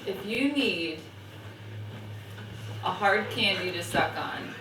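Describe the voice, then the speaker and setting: Woman, playful upbeat promo pitch, jokey testimonial, off-mic, echoey, noisy. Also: expressive, takes it slowly, sharp tone, recorded from a distance. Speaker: student. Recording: roomy, off-mic, with background noise.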